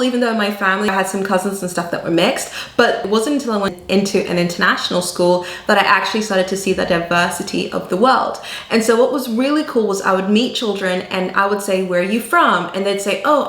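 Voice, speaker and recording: A woman whose first language was not English, speaking English with an accent shaped by southern Africa and American teachers, telling a personal story in earnest, animated vlog style. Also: mid-range voice, a little fast, hardly any pauses, reverberant. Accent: mixed African and American-learned English. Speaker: vlogger.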